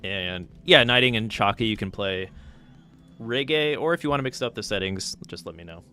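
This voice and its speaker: A man's voice: lowish voice, normal speed, pushed and bright, faint music behind. A man hosting a live stream, casually commentating game matches and chatting with players, thinking aloud with fillers. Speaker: stream host and match caster.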